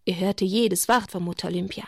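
A woman teaching children about faith and reading them a story, gentle and often dropping to a whisper. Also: medium pitch, fairly even intonation, brisk, vocal fry, no echo, clean studio sound. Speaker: catechist for children. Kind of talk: children's religious instruction and storytelling.

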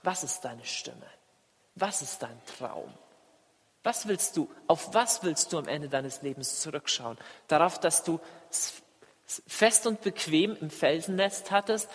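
A man with a high voice preaches a sermon, animated and full of direct questions to his listeners. His voice rings out with a long reverb, as if he is recorded in a large hall. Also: unhurried, husky.

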